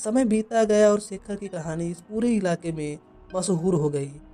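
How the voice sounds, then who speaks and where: Horror story narration, mellow tone, measured, faint music behind. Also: mid-range voice.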